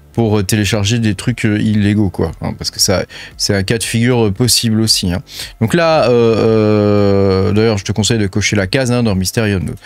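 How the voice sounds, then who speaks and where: With a lowish voice and no echo in the recording, this man hosts a crypto channel and casually walks viewers through the apps on his screen. His French accent comes with lots of chatty filler and "hein," and he calls the viewer "tu."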